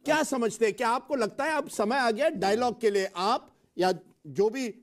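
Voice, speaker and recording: A man's voice: very high voice, moderate pace. A man moderating a heated TV debate, repeatedly cutting in to restore order and mixing Hindi with English.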